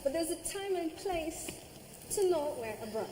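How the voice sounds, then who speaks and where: A woman's voice: very high-pitched, expressive, moderate pace, dark tone, reverberant, big-room sound, slight background noise, low-quality recording. A woman with a Kenyan accent speaking on a reunion panel, outspoken and mixing English with Sheng. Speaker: reality show cast member. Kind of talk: panel discussion.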